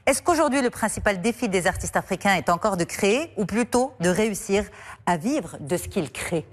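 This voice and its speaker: A woman hosting an interview, asking formal, measured questions. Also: medium pitch, lively intonation. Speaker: interviewer, host.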